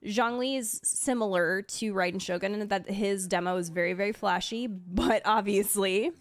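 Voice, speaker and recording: At a moderate pace and with fairly even intonation, a woman's mid-range voice comes through with no room sound. This video host and streamer giggles casually through a ranking, giving gushing, enthusiastic reaction commentary.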